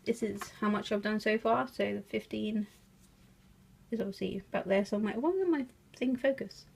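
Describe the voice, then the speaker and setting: Gravelly and somewhat dark in tone, her mid-range English-accented voice moves at a moderate pace against slight background noise. She narrates her crafts in a relaxed show-and-tell style, chatty and giggly, often laughing and joking at her own expense.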